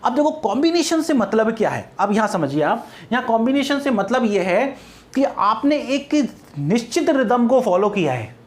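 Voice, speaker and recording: A woman's voice: on the high side, big pitch swings, moderate pace, darkish tone. A woman teaching an exam-prep lesson on poetry, repeating rhetorical questions and mixing English terms into her explanation. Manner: repetitive, asks rhetorical questions, frequent "ठीक है ना?"; drills patterns by counting out stress beats.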